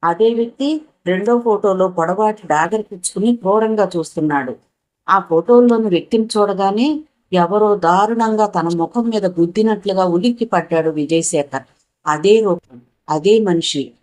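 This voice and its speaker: A woman narrating a spoken story in a steady, measured reading. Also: medium pitch, poor audio.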